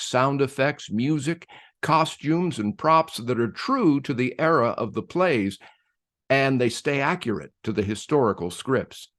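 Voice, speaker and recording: A medium-pitched male host reads a scripted introduction to a radio play, measured and emphatic like an announcer.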